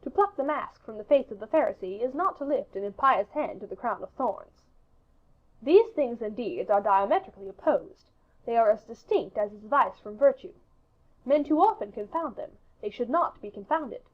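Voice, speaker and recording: In this scripted literary audiobook, a female narrator reads formally, with precision and emphasis. Her voice sits a little high, and the audio's upper frequencies are cut off.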